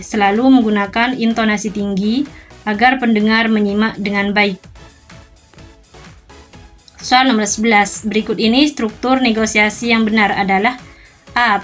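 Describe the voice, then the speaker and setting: A woman reading school exam questions and their answers aloud in a steady, methodical way. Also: medium pitch.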